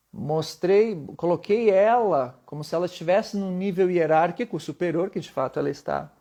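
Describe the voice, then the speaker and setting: A man's voice: sits high, creaky, warm tone. A man teaching public speaking in a live-streamed lesson, emphatic, often putting questions to his viewers.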